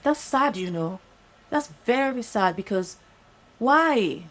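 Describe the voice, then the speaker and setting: A woman's voice: on the high side, slow. Nigerian lady doing a podcast monologue, emphatic, pushes her points hard. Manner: animated, emphatic, pleading. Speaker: podcast host. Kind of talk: casual monologue.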